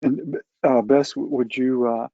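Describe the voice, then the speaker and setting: A man moderating a panel discussion, asking questions in a measured way with hesitant fillers. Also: mid-range voice, fairly even intonation, no echo, muffled recording.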